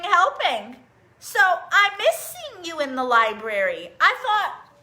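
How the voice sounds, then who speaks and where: With a high voice, a woman leads a live online story time as a librarian. She addresses young children directly in a sing-song, animated style while reading and teaching songs. The sound is roomy and echoing.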